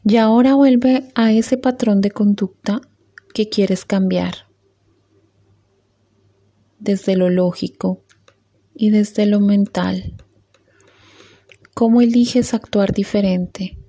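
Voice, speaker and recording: A woman leading a guided meditation in a soft, calm voice with long pauses. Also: medium pitch.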